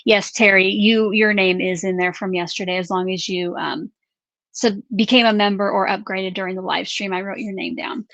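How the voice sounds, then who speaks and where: A woman's voice: medium pitch, steady tone, normal speed, fairly bright tone, dry recording, muffled recording. A woman hosting a craft live stream in casual chat. She reads out viewer names and questions in an upbeat way.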